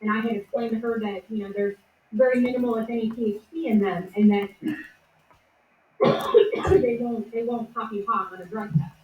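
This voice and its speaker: A woman's voice: fairly high pitch, steady tone, moderate pace, slight background noise. Distant, echoey woman rambling with fillers. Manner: rambling, hesitant with many fillers. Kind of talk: casual discussion. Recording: echoey room, distant, dull sound.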